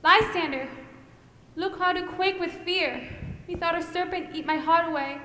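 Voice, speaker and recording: A woman's voice: very high-pitched, normal speed, bright, forceful tone. A teenage girl playing a young woman in love in a school stage play, speaking earnestly from a distant mic in an echoey hall. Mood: frightened. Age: teens. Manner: earnest declamation. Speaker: student actor. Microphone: distant room mic.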